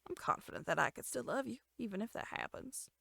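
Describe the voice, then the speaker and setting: A woman voicing a possessive, coldly menacing young man in a game, speaking low, quiet and controlled. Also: expressive, quick pace, creaky, breathy edge, no room sound, studio quality, full character voice. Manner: cold, possessive and threatening. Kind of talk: game dialogue voice acting.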